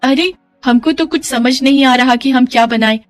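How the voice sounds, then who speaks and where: A woman's voice: sits high, normal speed, faint music behind, pitched above the performer's own voice, natural voice. Woman doing a naive bride. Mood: eager. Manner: cheerful, naive, broken grammar. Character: foreign young bride speaking broken Hindi.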